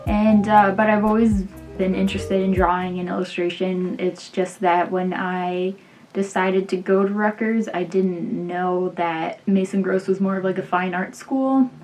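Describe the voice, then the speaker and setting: A woman's voice: mid-range voice, fairly even intonation, unhurried, a little mellow, faint music behind. A woman in her late twenties, an illustrator, chatting casually and self-deprecatingly about herself, with many "like"s and "um"s. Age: 20s. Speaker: illustrator and vlogger. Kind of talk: casual get-to-know-me chat.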